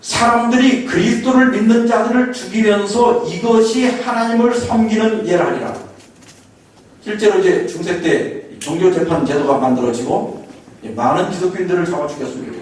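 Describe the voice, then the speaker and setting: A man's voice: sits high, fairly quick. A man from Korea's Chungcheong region preaching a sermon, telling folksy stories and often chuckling. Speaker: pastor. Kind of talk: sermon lecture. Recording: echoey hall, far from mic, faint hiss.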